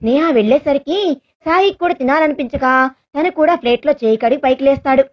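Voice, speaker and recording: A woman storyteller narrating a romance in a steady, plain read-aloud style. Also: high-pitched, a little fast. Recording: dull lo-fi recording.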